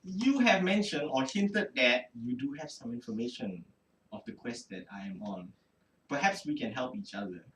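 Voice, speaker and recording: A man's voice: medium pitch, animated, moderate pace, fairly bright tone, slight background noise, close to an everyday voice. A man voicing an earnest, frustrated male knight with formal, stiff speech. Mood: solemn. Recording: roomy, distant mic.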